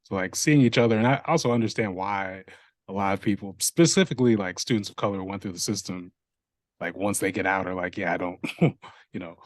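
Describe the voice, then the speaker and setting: Low-voiced man, dry close sound. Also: brisk, no room sound. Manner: loose, searching phrasing with many fillers. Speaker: interviewer. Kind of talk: casual conversational interview.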